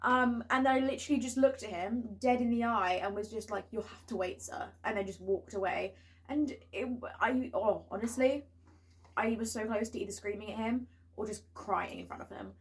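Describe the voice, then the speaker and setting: A woman's voice: a little high, moderate pace, poor audio. A young woman telling a story in casual chat, acting out exchanges as she retells them. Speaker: vlog co-host sharing retail stories. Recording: clear background noise.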